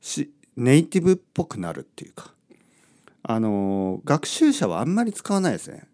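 Lively rambling man with a mellow voice. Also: mid-range voice, moderate pace. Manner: rambling, self-interrupting, lively. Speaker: podcast host. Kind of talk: casual monologue about Japanese language.

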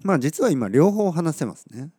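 A man from Oita, Kyushu, teaching Japanese in a relaxed podcast monologue. He chats with many soft fillers, corrects himself as he goes, and his throat is slightly scratchy. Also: fairly high pitch, normal speed, breathy edge, no room sound. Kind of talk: casual podcast lesson monologue.

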